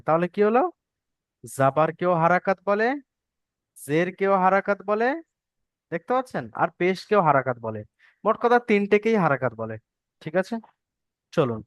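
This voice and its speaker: High, clear-voiced man teaching reading. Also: no room sound, dull audio. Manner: patient, repeats points and drills pronunciation. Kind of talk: online Arabic letter-reading lesson.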